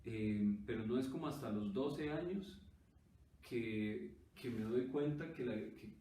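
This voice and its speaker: A man's voice: mid-range voice, slow, warm tone. A Costa Rican man, a musician, explaining at an easy pace in a thoughtful way and checking in with his listener as he goes. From Costa Rica. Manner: thoughtful, often adds "¿verdad?". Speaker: musician guest. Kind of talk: conversational interview. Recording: roomy distant mic with faint noise.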